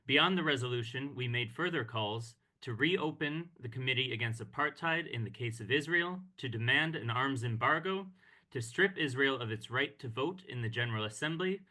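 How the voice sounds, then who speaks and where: A man speaking as director of a peace organization, giving a formal, measured talk on a video call. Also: mid-range voice, bright, forceful tone. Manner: formal, measured delivery with occasional hesitations. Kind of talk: online meeting speech. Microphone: computer mic on a video call.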